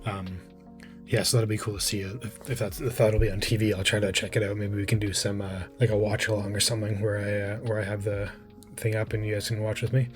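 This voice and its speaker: A man's voice: lowish voice, level tone, fast talker, soft background music. A man with an English Canadian accent hosting a casual reaction video, rambling and hesitant with many restarts. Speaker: reaction channel host.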